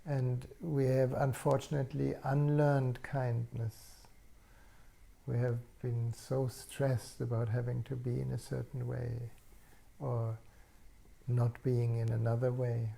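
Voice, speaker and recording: A man speaking as a spiritual teacher in an unscripted satsang, slow and serene like a guru, with long pauses and a soft, gravelly voice. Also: mid-range voice, completely flat delivery. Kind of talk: unscripted satsang talk, answering questions. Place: online video call session.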